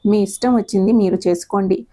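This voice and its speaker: A woman voicing a calm, firm male college principal in an audio story, polite but unbending. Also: medium pitch, a little fast, close to an everyday voice.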